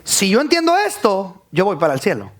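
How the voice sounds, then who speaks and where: High-voiced man preaching a sermon. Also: huge pitch swings, brisk. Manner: preaching with rising calls to the congregation. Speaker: pastor.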